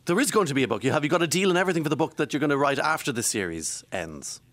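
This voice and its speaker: A man's voice: a little high, lively intonation, rapid-fire, a bit bright. An Irish man hosting a chatty interview in a teasing, wry manner. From Ireland. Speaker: radio show host.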